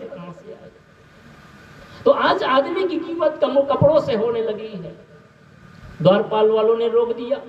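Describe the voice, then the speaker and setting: High-voiced man preaching, slow and echoey. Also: distant mic. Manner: exhorting, often laughing as he speaks. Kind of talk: devotional sermon. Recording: echoey, dull, from off-mic.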